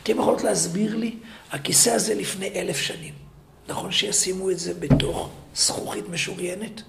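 Man, rabbi, high gravelly voice, Torah lecture, animated, emphatic, echoey room. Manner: animated storytelling, loud emphatic repetition. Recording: echoey room, faint noise.

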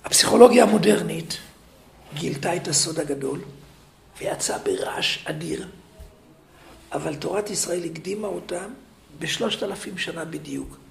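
Man, rabbi, high gravelly voice, Torah lecture, animated, emphatic, echoey room. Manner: animated storytelling, loud emphatic repetition. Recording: echoey room, faint noise.

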